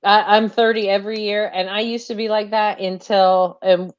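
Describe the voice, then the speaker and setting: A woman's voice: medium pitch, little pitch movement, moderate pace, highs cut off. A woman in her forties co-hosting a live stream, chatting jokingly and reading out viewer comments. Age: 40s. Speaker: co-host of live show. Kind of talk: casual live stream chat.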